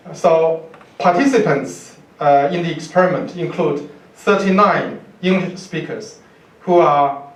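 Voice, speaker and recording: The speaker is a male university professor with a Chinese accent, giving a lecture from notes at an indoor podium; he is deliberate and halting and repeats words. His pitch is fairly high, and a far camera microphone records it with distant, roomy lecture-hall pickup.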